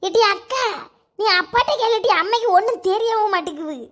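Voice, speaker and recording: A woman's voice: extremely high pitch, expressive, a little fast, fairly bright tone. A woman voicing a pert young village daughter, a bride-to-be, arguing impatiently, in a cartoon.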